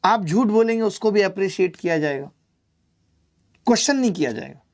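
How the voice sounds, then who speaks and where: A man's voice: high voice, lively intonation, brisk. Male maths tutor for a live class. Chatty, teases students by name, explains step by step. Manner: explains step by step, repeats key numbers. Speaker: maths teacher.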